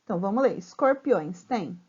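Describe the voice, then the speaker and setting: A Brazilian woman teaching a remote grammar lesson to children, patiently spelling out syllables slowly and checking in often. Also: medium pitch, animated, darkish tone, husky, dull audio. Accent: Brazilian Portuguese.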